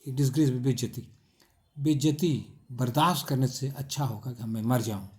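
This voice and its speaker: A man teaching grammar in a classroom lesson, explaining in Hindi and reading example sentences aloud slowly, with heavy stress. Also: medium pitch, darkish tone. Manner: slow, reads English examples aloud in drawn-out, stressed words.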